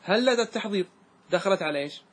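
A man teaching grammar as a sheikh, chanting verses slowly and often asking his class whether it is clear. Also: high-pitched, lively intonation.

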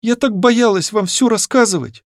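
A man reading an audiobook, voicing a frightened, tearful young noblewoman in a high pleading voice. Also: normal speed, dry recording, studio quality. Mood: ashamed. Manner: high pleading voice, near tears.

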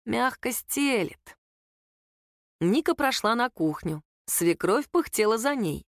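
A woman's voice: medium pitch, big pitch swings, unhurried, dry recording. Woman reading a story aloud, dry close sound. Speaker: narrator.

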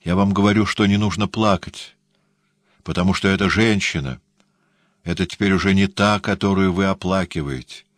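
A man voicing a soft-spoken sad young woman. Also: low-pitched, moderate pace, dry recording, lightly acted. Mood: sorrowful. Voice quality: soft, quiet. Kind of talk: audiobook character reading.

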